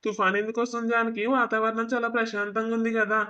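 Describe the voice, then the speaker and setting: A man's voice: very high-pitched, completely flat delivery, fast, sharp tone, muffled recording. A man voicing a guilty young husband in a cartoon, pleading and defensive. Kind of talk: cartoon voice acting.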